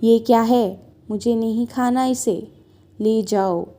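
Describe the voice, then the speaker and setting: A sharp-tongued elderly mother-in-law who nags and scolds at every turn, as a woman storyteller puts her on. The voice is slow, dark and mellow. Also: on the high side, fairly even intonation. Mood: scolding. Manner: scolding, complaining.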